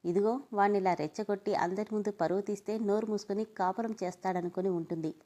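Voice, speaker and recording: A woman's voice: mid-range voice, steady tone, fast, mellow, close to an everyday voice. A woman voicing a sly middle-aged uncle who talks in an insinuating way.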